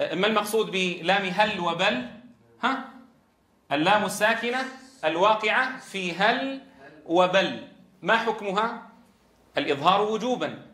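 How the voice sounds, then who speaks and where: A man's voice: high voice, sharp tone. A man teaching Quran recitation rules, quizzing his students with questions and then answering them himself. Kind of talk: tajweed rules lesson. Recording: roomy echo.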